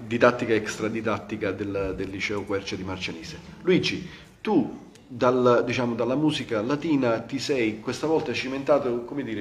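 A man hosting an interview informally, in a hesitant, roundabout way. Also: lowish voice. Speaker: interview host. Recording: echoey room, clear background noise.

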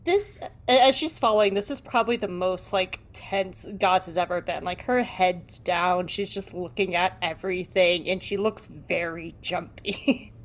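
A woman playing a tabletop role-playing game who chats casually and asks quick questions. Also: lowish voice. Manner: chatty, laughing, quick questions. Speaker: player.

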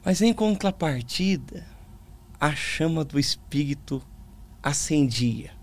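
Casting: Brazilian male preacher, gravelly fry, lisped sibilants, thoughtful conversational delivery with emphatic repetition. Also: on the high side, lively intonation, slow, a little mellow. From Brazil, small town in the interior. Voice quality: tongue-tied lisp, slurred sibilants. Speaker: preacher, interview guest. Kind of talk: conversational religious testimony.

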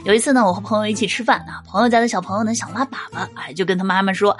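A woman's voice: medium pitch, racing. A woman in her thirties, a mother, telling humorous family anecdotes and often laughing between jokes, with faint music behind. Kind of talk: humorous storytelling monologue.

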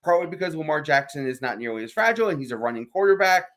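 A man's voice: on the high side, animated, fairly bright tone. A man co-hosting a sports talk show, making emphatic points and often asking "right?". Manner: fast, emphatic, fills with "right?".

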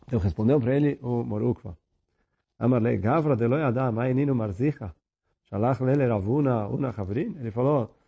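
Guy going through talmud, reads the aramaic then explains it chill, soft mellow voice. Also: medium pitch, breathy edge, dull audio. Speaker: Talmud teacher. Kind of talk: Talmud study lesson.

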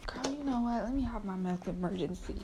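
A woman's voice: mid-range voice, fast, background noise. A woman chatting to camera in a casual solo vlog, rambling and drifting between normal talk and whispers, her voice going dry and failing. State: losing her voice, dry-throated. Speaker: vlogger.

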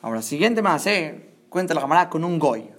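A man teaching a lesson, retelling a Talmud story in a lively way and checking in with his listeners. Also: a little high, a little fast. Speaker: religious teacher.

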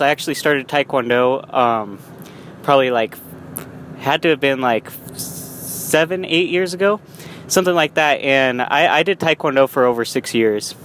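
A young man records a casual vlog monologue while driving, his medium-pitched voice fairly bright. He rambles, often restarting and letting out small laughs, with faint road noise underneath.

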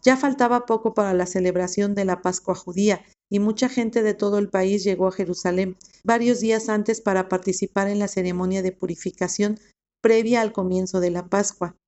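A woman giving a steady, measured reading of a Bible passage. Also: medium pitch, highs cut off. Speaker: scripture reader.

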